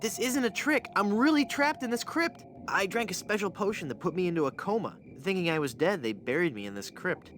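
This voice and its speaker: A hapless, earnest young hero of a comic adventure game. His voice sits a bit high and swings widely as he pleads and bluffs theatrically about being a ghost. Clear noise runs behind the game audio. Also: animated, fairly quick, hardly any pauses, a bit bright. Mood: pleading.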